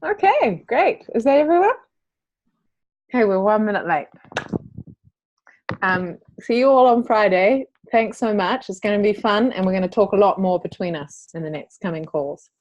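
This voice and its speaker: A woman's voice: medium pitch, moderate pace, darkish tone, highs cut off. A woman with a New Zealand accent leading an online class call, speaking informally and calling on people by name. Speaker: course facilitator. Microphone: video call.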